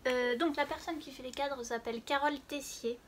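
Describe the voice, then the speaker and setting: A woman's voice: high-pitched, fairly even intonation, fairly quick, a little hiss or hum. A woman co-hosting a casual knitting podcast, chatty and sometimes trailing off into near-whispers. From France. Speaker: podcast co-host. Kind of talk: casual chat about knitting.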